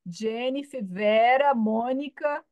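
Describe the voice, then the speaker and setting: A woman's voice: high voice, a little mellow, no echo, dull audio. A woman hosting a live online question session for women, chatting casually and animatedly, often acting out little dialogues and checking "entendeu?" over a video call.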